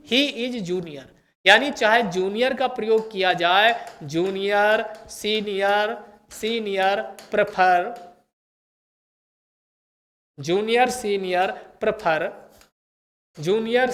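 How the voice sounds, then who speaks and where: A woman with a medium-pitched, fairly bright voice works through an English test paper for exam candidates. She reads the test sentences slowly and carefully, poses questions and answers them herself, and repeats key words.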